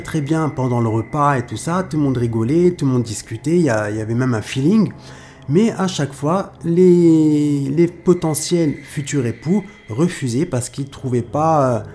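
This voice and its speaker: A man's voice: medium pitch, moderate pace, a little mellow, faint music behind. A man narrating a horror story in a casual, conversational way, with many hesitations.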